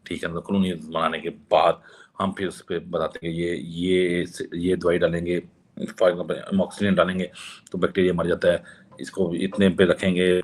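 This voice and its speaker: A man's voice: deep voice, husky. A man with a sore throat, arguing a point in a questioning, challenging monologue that keeps returning to the same question. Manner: questioning, challenging, repeats himself. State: hoarse with a sore throat, clearing throat. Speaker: commentator rebutting atheists. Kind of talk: argumentative monologue.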